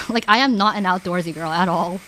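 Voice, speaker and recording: With a fairly low pitch and a fairly quick pace, a young Canadian streamer chats with her audience in a lively, casual way. "Like" peppers her speech, and she frequently begins sentences again.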